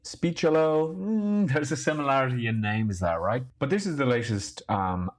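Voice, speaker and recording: A man hosting a weekly online show, giving an upbeat, chatty software review. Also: mid-range voice.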